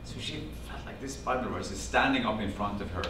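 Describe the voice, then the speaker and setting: Speaking briskly in a fairly low voice with a Norwegian accent, this man in his fifties from Norway animatedly recounts a personal story to a small group, quoting his family and gesturing. The far-off camera, with no mic visible, picks up an echoey classroom-sized meeting room with a projector screen and a background hum.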